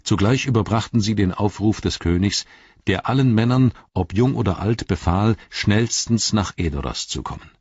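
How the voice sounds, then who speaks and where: A man reading a fantasy novel aloud as narrator, in a steady, formal storytelling manner. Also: on the low side, normal speed, husky, no room sound, lo-fi sound. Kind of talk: scripted audiobook narration.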